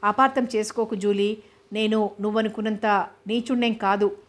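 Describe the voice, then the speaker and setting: Grave, firm husband in a storybook reading, read by a woman, flat delivery. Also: medium pitch, natural voice. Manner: calm, measured, firm. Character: grave, steady Indian husband, a man. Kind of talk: audiobook novel reading.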